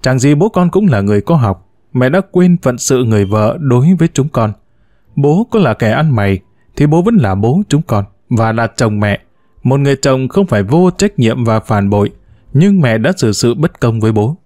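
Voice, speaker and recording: A man's voice: medium pitch, animated, moderate pace, warm tone, no room sound, clean studio sound, close to an everyday voice. A man voicing a blunt youngest son who lectures his mother in a storybook reading. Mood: indignant.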